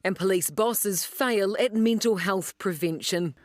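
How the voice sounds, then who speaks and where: A woman's voice: mid-range voice, a little slow, dry recording. A woman with a New Zealand accent narrating a scripted news report as a reporter.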